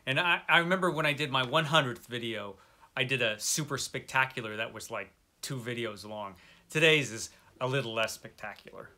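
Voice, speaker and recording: The host of a book review channel chats casually to the camera about books, wry and self-deprecating with his viewers. He speaks briskly in a medium-pitched voice that is bright and forceful.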